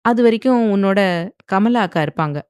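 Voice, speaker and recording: A woman voicing a forceful, possessive young husband who speaks in a stern, commanding way in a storybook. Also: mid-range voice, lively intonation, normal speed, clean tone, no echo, clean studio sound, natural voice. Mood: caring.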